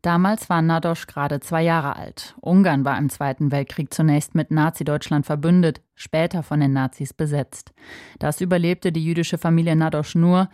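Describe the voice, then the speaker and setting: A woman's voice: low-pitched, steady tone, moderate pace, a little mellow, no echo. A woman reporter reading a scripted obituary narration. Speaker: radio reporter.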